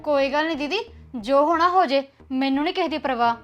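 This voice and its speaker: A young actress playing a headstrong new bride who speaks bluntly and defiantly. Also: female voice, sits high, fast, highs cut off, loud music behind the voice, lightly acted. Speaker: actor. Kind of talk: web series drama acting.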